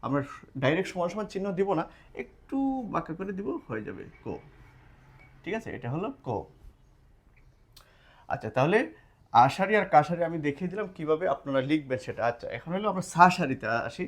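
In a classroom or study room, a language teacher explains step by step at a board and checks in often with listeners during a casual spoken lesson. He's an expressive, fast talker with a fairly high voice who leaves long pauses, recorded by a camera mic while writing.

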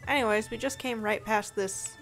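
A woman's voice: mid-range voice, steady tone, normal speed, creaky, a bit bright, soft background music. A woman hosting a gameplay video, giving casual commentary in a chatty, playful way, thinking aloud as she plays.

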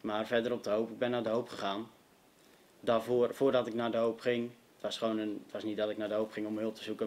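A young man giving an earnest personal testimony to a youth meeting, speaking directly and emphatically to his listeners. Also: fairly low pitch.

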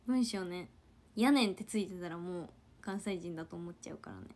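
A woman chatting casually on a livestream, talking back to viewer comments and dropping into soft murmured asides. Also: lowish voice, fairly quick. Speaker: idol trainee livestreamer.

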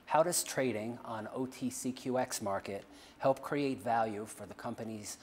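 A man's voice: mid-range voice, normal speed, a little mellow, a little hiss or hum. Polished male interview host. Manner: polished and smooth. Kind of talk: scripted interview questions. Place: studio.

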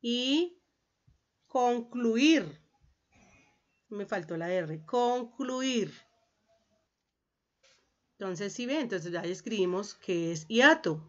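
A woman's voice: mid-range voice, animated, highs cut off. A woman primary school teacher giving an online class, dictating patiently and calling her pupils affectionate names. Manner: patient, dictating slowly, calls pupils "mis amores". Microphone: video call.

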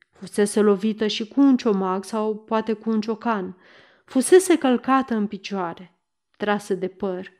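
A woman narrating an audiobook in a steady, measured reading. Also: medium pitch. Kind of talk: scripted narration.

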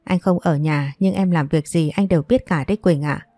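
A woman's voice: low-pitched, normal speed, dark tone, no room sound. A woman voicing a stern husband who scolds curtly and reproachfully. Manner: curt, reproachful.

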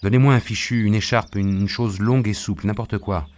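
A man voicing a bold, cheerful young male healer who gives brisk orders in an audiobook reading. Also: low-pitched, a little mellow, lightly acted. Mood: commanding. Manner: brisk, commanding.

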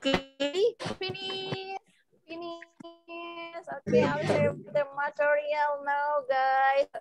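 A young woman with an Indonesian accent teaching children English over a video call, switching between English and Indonesian and spelling out phrases slowly for her pupils. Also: high voice, little pitch movement, loud music behind the voice, low-quality recording. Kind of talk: online English lesson for children.

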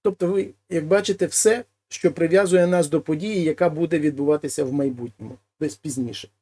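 A man teaching a language lesson: he reads each example phrase, then translates it slowly and explains it. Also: on the high side, warm tone. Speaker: Spanish teacher.

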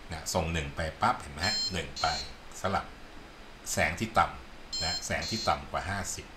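Deep-voiced man teaching code over noise. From Thailand. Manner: unhurried, explains step by step, asks "see?" often. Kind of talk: screen-recorded coding tutorial. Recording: loud background noise.

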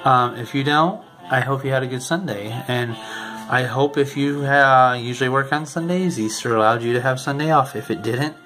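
A young man hosting his channel, chatting casually and haltingly at home while records play. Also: medium pitch, poor audio. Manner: rambling, halting, with frequent restarts. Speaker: channel host. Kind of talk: casual commentary over vinyl record playback. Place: home room. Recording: music playing loudly behind the voice.

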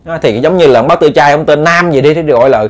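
A man telling a ghost story in a lively way, speaking straight to his listeners with many repeats. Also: on the high side, quick pace.

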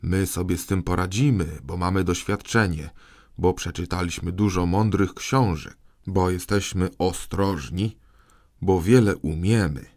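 Man voicing a prime minister, smug, persuasive, lowish voice. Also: a little slow, a little mellow. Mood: self-assured. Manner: smooth, self-praising persuasion. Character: self-assured male prime minister, a grown man.

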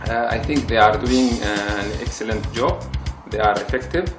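Man from the Emirates, echoey, over music. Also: lowish voice. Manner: halting, repeats words while searching for them. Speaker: patient giving a testimonial. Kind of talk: testimonial interview. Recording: roomy echo with loud music bed.

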